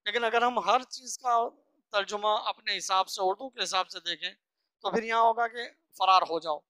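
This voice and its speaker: An earnest teacher working through a scripture lesson verse by verse, reciting each phrase slowly before unpacking it. The voice sits at an ordinary middle pitch and sounds close and dry, with no room around it. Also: pushed and bright, no room sound. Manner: earnest, instructive, asks and answers own questions. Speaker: religious teacher.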